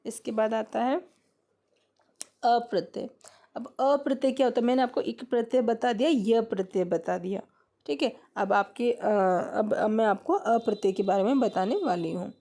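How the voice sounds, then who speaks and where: A woman's voice: on the high side, normal speed, warm tone. A woman teaching a grammar lesson, explaining step by step and repeating questions back to her students.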